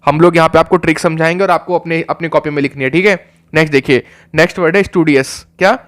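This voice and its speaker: A young man leads a vocabulary lesson in a chatty, repetitive way, firing quick questions at his students. His voice sits a little high for a man and comes through smooth and clear. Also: steady tone. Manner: chatty, repeats words and quizzes the viewer. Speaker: exam coaching teacher.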